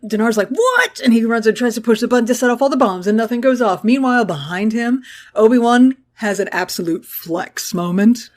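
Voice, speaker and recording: A woman's voice: a little high, a little mellow. Giggly, profane woman podcast host. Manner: profane, giggly, quick asides. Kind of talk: casual chat recapping a show.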